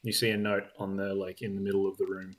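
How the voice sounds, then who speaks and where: A man's voice: low voice, completely flat delivery, fast. A young man narrating as dungeon master, hesitant with many ums and likes. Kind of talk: narrating a tabletop game.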